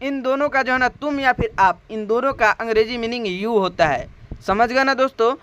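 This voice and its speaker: A man's voice: very high-pitched, normal speed, fairly bright tone, clean tone. A man with a Hindi accent teaching English to Hindi speakers, spelling out words, repeating them and asking his viewers questions. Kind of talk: spoken language lesson.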